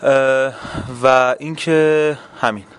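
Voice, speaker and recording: A man's voice: mid-range voice, steady tone, fairly bright tone, clean tone. A man from Tehran, a stage actor answering interview questions thoughtfully with frequent hesitations. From Iran. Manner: thoughtful, hesitant, many fillers.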